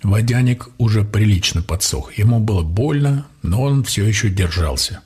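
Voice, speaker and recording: A man narrating a first-person audiobook in a steady, matter-of-fact way. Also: lowish voice, moderate pace, breathy edge.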